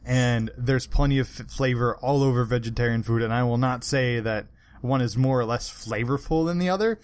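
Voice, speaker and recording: A man with an ordinary mid-range voice co-hosting a relaxed podcast. He talks things through in a chatty way, often laughing. He sounds like a friend picking apart the details with a co-host. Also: mid-range voice, moderate pace. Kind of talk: casual chat.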